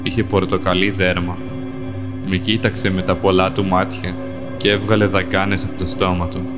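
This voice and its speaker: A man with a lowish voice narrates a dark first-person fantasy story, calm and measured, one short sentence at a time. Clear music plays under his reading.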